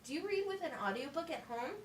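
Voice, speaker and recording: Quick and expressive, a high female voice plays a patient, instructive teacher in an amateur puppet show. She encourages patiently, explains simply, and asks questions to check understanding. A distant mic leaves the audio roomy with a little faint noise.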